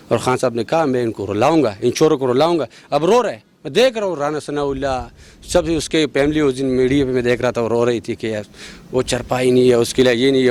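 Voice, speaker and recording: Fervent man speaking at a street interview. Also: fairly high pitch. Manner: passionate, emphatic, rising to loud peaks. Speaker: street interviewee, party worker. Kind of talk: street vox pop interview.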